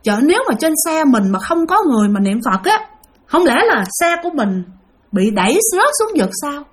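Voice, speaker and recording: A woman's voice: high voice, sing-song, fairly quick. A woman voicing a frightened male bus driver. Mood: bewildered. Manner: bewildered, anxious. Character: frightened middle-aged bus driver, man.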